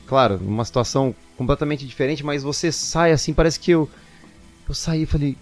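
Young guy telling a story real quick, quotes people in excited voices, faint music behind. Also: fairly high pitch. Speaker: singer telling a personal story. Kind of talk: casual storytelling.

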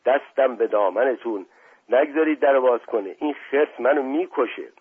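A beaten coward whimpers and pleads in a weak, moaning voice, as a male narrator puts him on. The tone is husky. The sound is narrow and phone-like. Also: medium pitch, pitched above the performer's own voice. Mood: pleading. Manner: moaning, feeble.

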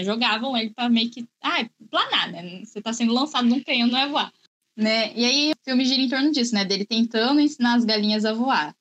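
A woman's voice: a little high, fairly bright tone. A woman in a casual film discussion, chatty and explaining at length.

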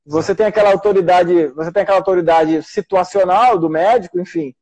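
A man's voice: high-pitched, brisk, darkish tone. A middle-aged Brazilian man, a doctor and teacher hosting a casual live talk, rambling with many restarts. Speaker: host.

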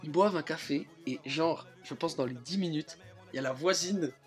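A man's voice: a little high, normal speed, faint music behind. A young man co-hosting a casual chat, telling a story animatedly and laughing often. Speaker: podcast co-host.

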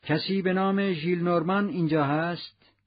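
A man's voice: sits high, fairly even intonation. A man voicing a stern, cold police inspector who speaks in curt, clipped questions. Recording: muffled lo-fi recording.

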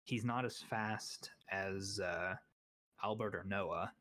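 A man's voice: deep voice, slow pace, a bit bright. A young man co-hosting a casual sports chat, rambling and opinionated, often poking fun at himself. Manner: rambling, opinionated, self-deprecating. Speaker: podcast co-host.

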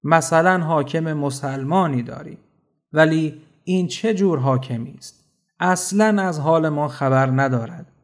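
A poor, grieving widow from a children's storybook pleads in a plaintive voice as a male narrator acts her out. The tone stays fairly high for a man. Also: lightly acted. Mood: lamenting.

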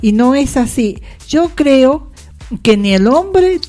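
A woman's voice: high voice, animated, slow, dark tone, faint music behind. A woman hosting a radio talk show, giving her opinions in broad, sweeping appeals. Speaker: radio host.

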